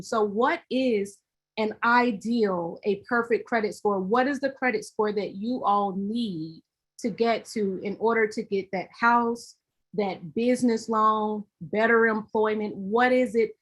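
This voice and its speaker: A woman's voice: a little high, a bit bright. A young Southern woman from Alabama hosting a livestream workshop, chatty and upbeat as she greets viewers. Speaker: host of a credit workshop livestream.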